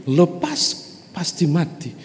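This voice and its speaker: A man voicing a desperate male mountain climber who pleads loudly for help, in an echoey hall. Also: fairly high pitch, very animated, slow pace, pitched above the performer's own voice. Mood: panicked.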